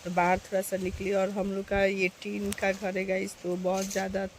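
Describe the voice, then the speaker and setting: Flat-voiced woman vlogging outdoors. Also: mid-range voice, moderate pace, a little hiss or hum. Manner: chatty, addresses viewers directly. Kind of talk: casual chat to camera. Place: outdoors in the shade at her doorway.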